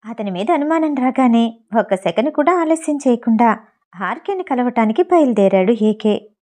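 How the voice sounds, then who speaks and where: A woman narrating a novel aloud in a steady storytelling delivery. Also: fairly high pitch, moderate pace. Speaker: audiobook narrator.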